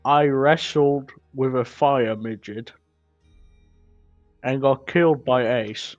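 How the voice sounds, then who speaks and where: A man's voice: mid-range voice, slow pace, no room sound, soft background music. A man voicing a brash, battle-worn male adventurer who swears and grumbles in a tabletop role-play, on dull lo-fi audio.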